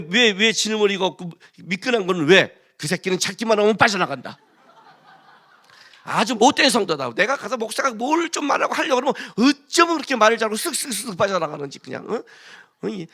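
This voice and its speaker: Pastor, middle-aged man, lively high-pitched sermon delivery, keeps challenging the pews with questions. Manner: animated, rhetorical questions to the congregation, acts out quoted voices.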